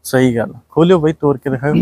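A Punjabi-accented man talks through cattle for sale in a farmyard, echoing answers and heaping praise on each animal. His voice sits at a middling pitch. The sound is close and dry, with little room echo. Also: fast talker, a little mellow. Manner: repetitive, praising, echoes answers. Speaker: livestock video host. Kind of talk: casual livestock sales walkthrough. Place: outdoor dairy farm yard.

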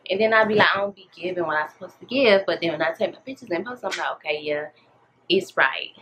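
Here her voice is on the low side, quick and a bit bright. In her bedroom, this thirtysomething American woman vlogs casually while getting ready, chatting to "y'all" in slangy girl-talk over dull audio with room noise.

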